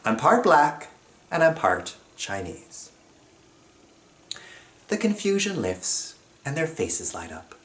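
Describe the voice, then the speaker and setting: On stage, a Jamaican man tells a personal story, expressively acting out what other people said. His pitch sits fairly high, and he takes it slowly with long pauses.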